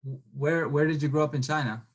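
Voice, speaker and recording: Teasing co-host with wry asides. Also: male voice, on the high side, fairly even intonation, brisk. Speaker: podcast co-host. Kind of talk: casual chat.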